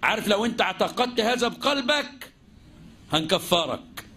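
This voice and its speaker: This Egyptian-accented teacher of Islamic jurisprudence has a high, animated, sharp voice and a moderate pace, with slight background noise. His religious lesson runs on self-posed questions and answers, mixing formal classical wording with colloquial talk.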